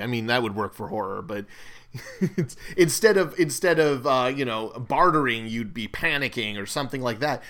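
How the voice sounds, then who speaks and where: A man's voice: mid-range voice, fairly bright tone. A man co-hosting a casual board game discussion, talking in a loose, rambling way with fillers and restarts. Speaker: co-host.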